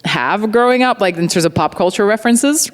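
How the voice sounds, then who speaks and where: A woman's voice: medium pitch, lively intonation, a little fast. A woman from Slovenia, a voice actor chatting animatedly on a convention panel and laughing often. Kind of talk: casual panel Q&A. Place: large convention hall. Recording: long hall reverb from a panel PA.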